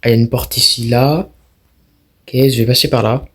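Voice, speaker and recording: A man's voice: medium pitch, steady tone, fairly quick, a bit bright. Jumpy young man playing a horror game. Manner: jumpy, talks to himself and viewers while playing. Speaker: gaming YouTuber. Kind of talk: casual let's-play commentary.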